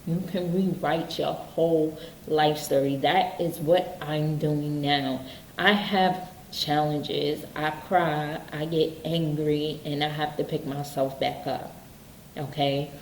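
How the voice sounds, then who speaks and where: A woman's voice: low voice, steady tone, slow pace, echoey room, slight background noise, poor audio. A woman giving casual motivational self-help advice, earnest, often checking in with "okay?". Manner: earnest, repeats points with "okay?".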